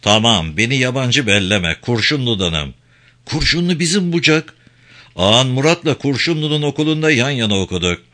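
A man voicing a jovial, gold-toothed middle-aged stonemason in a Turkish audiobook, speaking low and teasing. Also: very animated, normal speed, bright, forceful tone. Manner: teasing, paternal, low-pitched.

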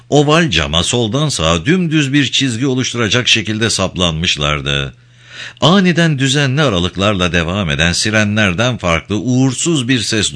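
A male audiobook narrator delivers a dramatic, expressive scripted reading. His low-sitting voice sounds bright, and his pitch moves a lot as the tension builds.

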